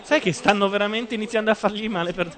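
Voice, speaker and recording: A man's voice: high voice, steady tone, fast. A man bantering casually over a football match with dry, sceptical comments. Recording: loud crowd behind the voice.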